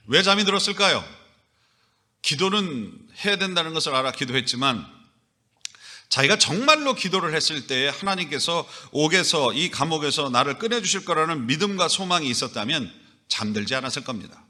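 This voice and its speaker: A man's voice: medium pitch, sharp tone. A middle-aged man preaching a Sunday sermon as pastor, with emphatic rises and acted scolding.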